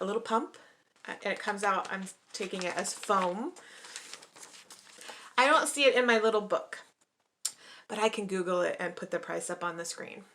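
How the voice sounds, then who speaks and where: A young woman vlogger chatting casually as she unboxes beauty products, upbeat and quick to call everything exciting. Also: medium pitch, gravelly, a little hiss or hum.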